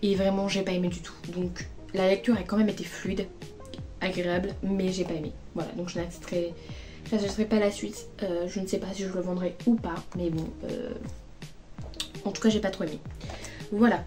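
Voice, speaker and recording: Chatty woman vlogger, mellow voice. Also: on the low side, steady tone, brisk. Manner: chatty, rambling, many fillers. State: overheated. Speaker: book vlogger. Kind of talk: casual book haul chat. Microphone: phone. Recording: phone recording with faint music.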